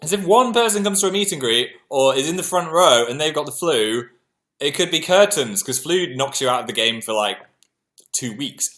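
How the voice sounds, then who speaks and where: A man's voice: on the high side, animated, moderate pace, fairly bright tone. A man with a British accent hosting a livestream, chatting casually and telling self-mocking stories to his viewers. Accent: British English. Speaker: livestream host.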